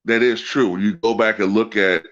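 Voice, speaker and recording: A man's voice: fairly low pitch, fairly even intonation, normal speed, fairly bright tone, dull audio. A man chatting casually and profanely as a sports livestream host, his nose stuffed up by a cold so he sounds congested and nasal. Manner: profane, colloquial, peppered with "man" and "you know". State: congested with a head cold, clearing throat. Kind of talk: casual rambling chat to live viewers.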